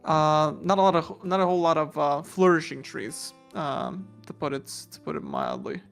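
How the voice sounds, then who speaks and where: A man's voice: fairly high pitch, sing-song, normal speed, vocal fry, a bit bright, faint music behind. A man narrating as dungeon master in a tabletop game, describing scenes in a hesitant way with many fillers.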